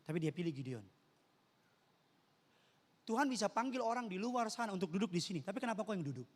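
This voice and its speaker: A male pastor giving a lively, joking sermon in a church and speaking directly to the congregation. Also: high-pitched, fast. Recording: long reverb of a church hall.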